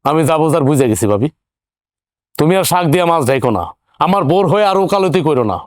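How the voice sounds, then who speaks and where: A man's voice: a little high, expressive, fast, dry recording, natural voice. An actor playing an argumentative young man who questions his family indignantly, speaking. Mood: arguing. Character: earning younger son, hot-headed and argumentative. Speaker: younger brother-in-law. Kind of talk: TV drama acting.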